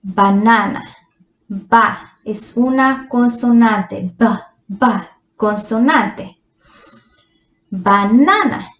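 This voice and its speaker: A woman teaching English grammar to Spanish speakers, patient and drawn-out, asking her students quiz questions. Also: a little high. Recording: echoey room.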